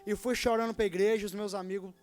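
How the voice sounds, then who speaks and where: Young man, from Brazil, preaching, high voice, loud-then-hushed storytelling, faint music. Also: little pitch movement, quick pace. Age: 20s. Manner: emotional storytelling, swings between loud and hushed. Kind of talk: sermon with personal testimony.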